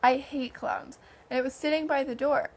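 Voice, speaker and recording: A young woman chats casually, telling animated anecdotes, acting out quoted dialogue and leaning heavily on the filler "like." Her voice sits high and moves at normal speed.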